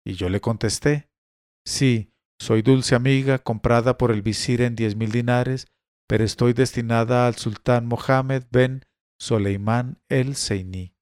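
A man's voice: mid-range voice, fairly even intonation, a little slow, a little mellow, clean tone, no echo, lightly acted. A man voicing a submissive young slave woman in a spoken story reading, with a dry sound. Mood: pleading.

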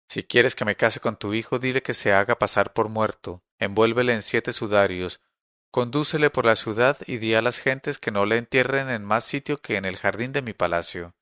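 A man reading a classic tale aloud in a calm, measured storytelling manner. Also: fairly low pitch, no echo, clean studio sound. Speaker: narrator.

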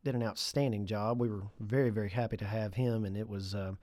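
A man with a stuffy nose hosts a solo podcast, chatting casually with lightly joking asides. His lowish voice is steady, brisk and somewhat dark, captured in clean studio sound with no room echo.

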